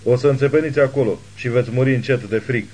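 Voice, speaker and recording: A man voicing a wounded, defiant gunman who shouts taunts at hidden pursuers in an audiobook. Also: medium pitch, fairly even intonation, close to an everyday voice. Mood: defiant taunting. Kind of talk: audiobook character reading.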